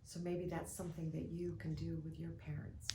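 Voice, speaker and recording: A woman gently and expressively reading a children's picture book aloud, with a roomy echo. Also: low-pitched, little pitch movement, moderate pace, background noise.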